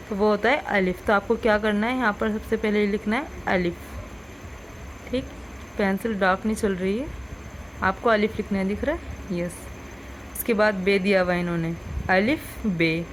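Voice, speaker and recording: A woman's voice: mid-range voice, a little hiss or hum, rough recording. A woman teaching an online kindergarten lesson, patiently explaining step by step and reading out letters for the children to repeat.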